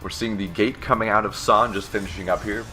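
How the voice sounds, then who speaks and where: Man, deep voice, bright tone, game commentator, playful banter. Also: steady tone, a little fast, faint music behind. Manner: joking, banters with co-caster. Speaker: esports caster. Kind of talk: play-by-play commentary.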